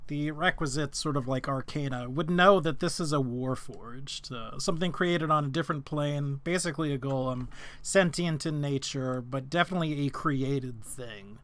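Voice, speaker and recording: A man's voice: mid-range voice, normal speed, a bit bright. A man narrating as game master of a tabletop game, hesitant and searching for words.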